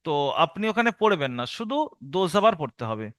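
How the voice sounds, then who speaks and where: A man teaching a recorded Quran reading lesson for adults, slowly drawing out each spelled syllable, then explaining at a steady pace. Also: high-pitched, no room sound, studio quality. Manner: slow drawn-out syllable-by-syllable spelling drills alternating with steady explanation.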